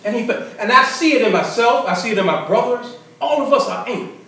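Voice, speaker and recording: With an extremely high, sharp and expressive voice, a middle-aged preacher moves briskly through a conversational sermon, frequently restarting and repeating phrases. He is recorded from afar in an echoey hall, the congregation audible around him.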